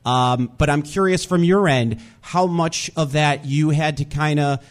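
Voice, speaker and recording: A man's voice: on the high side, a little slow. A man hosting an interview, earnestly praising a book and asking long, wandering questions. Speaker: interview host.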